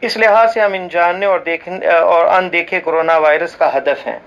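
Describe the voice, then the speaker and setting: Smooth-voiced man reading a religious ruling. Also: a little high, muffled recording. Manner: formal and measured, with occasional slips and restarts; recites Arabic scripture passages. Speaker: voice-over reader for a religious channel.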